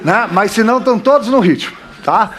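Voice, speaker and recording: A man with a Brazilian Portuguese accent gives a relaxed live lecture in a high-pitched voice, speaking a little fast with a crowd audible behind him. He jokes crudely, asks rhetorical questions, swings between loud and soft, and constantly checks in with listeners using "tá?" and "né?".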